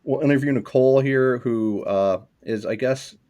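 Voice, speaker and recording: A man's voice: mid-range voice, moderate pace, warm tone, lo-fi sound. A young man hosting a casual podcast, chatty and rambling, with plenty of ums and laughs. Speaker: podcast host.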